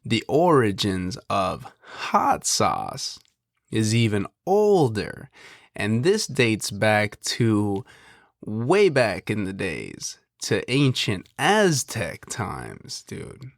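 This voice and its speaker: A young man with a fairly low, stuffed-up nasal voice chats slowly and loosely, drifting from one thought to the next. He hosts a podcast, and his voice sounds close and dry with no room around it. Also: no room sound. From Pacific Northwest. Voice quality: nasal from allergies. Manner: relaxed, rambling, drawn-out delivery. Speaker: podcast host. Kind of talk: casual podcast chat.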